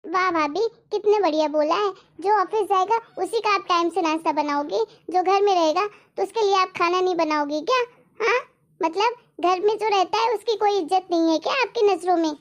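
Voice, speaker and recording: A woman's voice: extremely high pitch, normal speed, lo-fi sound. A woman voicing a spoiled young sister-in-law who complains and taunts sarcastically. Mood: nagging.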